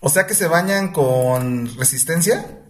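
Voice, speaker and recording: A man hosting a casual podcast chat, laughing often and pausing on fillers. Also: a little high, lively intonation, a crowd in the background. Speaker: podcast host.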